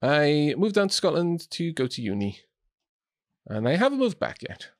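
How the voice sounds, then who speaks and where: Very animated and slightly high-pitched, a young Welshman talks at a moderate pace while streaming a building game from home in Scotland, thinking aloud and restarting a bit. The sound is clean and studio-like, without echo.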